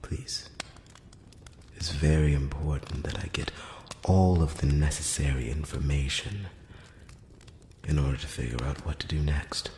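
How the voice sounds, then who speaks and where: In a whispered fantasy roleplay, a man plays an ancient, courtly male elf emissary whose extremely deep, soft voice often slips into a whisper, and whose formal, courteous phrasing carries a sly condescension. His delivery is slow, hushed and measured, and the mood is earnest and diplomatic. He is recorded close-up, yet his voice rings through a long, echoing hall reverb with a little hiss or hum.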